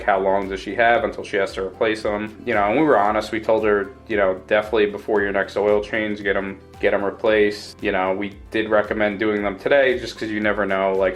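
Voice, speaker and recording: A man working as an automotive technician, recounting his work in a plain, matter-of-fact way in a casual interview. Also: on the low side.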